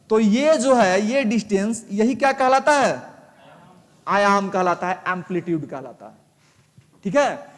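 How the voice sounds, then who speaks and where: Male teacher, very high voice, patient step-by-step explainer, reverberant room. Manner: explains step by step with repeated check questions. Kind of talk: live online lesson.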